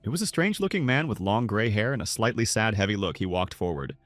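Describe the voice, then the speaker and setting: A man narrating a comic story recap in a steady, scripted storytelling manner. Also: fairly low pitch, fast, dry recording, soft background music.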